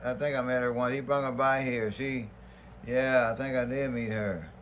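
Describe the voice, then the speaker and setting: A man's voice: medium pitch, steady tone, moderate pace, a little hiss or hum. A middle-aged man from Louisiana, chatting on a phone call in a laid-back way and repeating words as he starts his thoughts. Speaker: brother of the deceased. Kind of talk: casual phone conversation.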